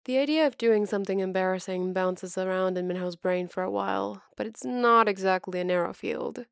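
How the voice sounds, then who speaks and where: A woman reading fan fiction aloud as narrator, with steady, even storytelling. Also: mid-range voice, fairly quick, vocal fry, clean tone, no echo, studio quality.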